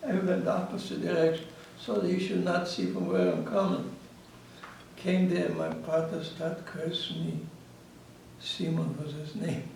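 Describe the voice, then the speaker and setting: Speaking in broken English with a Ukrainian accent, a Ukrainian man in his eighties, a Holocaust survivor, recounts his life in an interview and acts out the conversations. His voice is on the high side, unhurried, gravelly and darkish. The room is echoey, with slight background noise, and he sounds distant.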